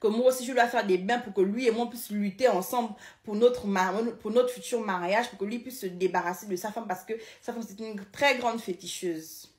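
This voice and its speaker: A woman's voice: medium pitch, a little fast, few pauses. A young woman with a Cameroonian French accent, casually recounting her own experience, repeating words and restarting often. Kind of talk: casual personal testimony. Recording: roomy echoing room sound.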